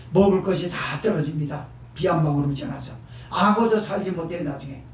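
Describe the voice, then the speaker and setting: High-voiced preacher shouting in an echoey hall. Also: male voice, distant mic. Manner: emphatic preaching with sudden shouted rises and frequent "어?" asides. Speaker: pastor. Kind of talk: sermon.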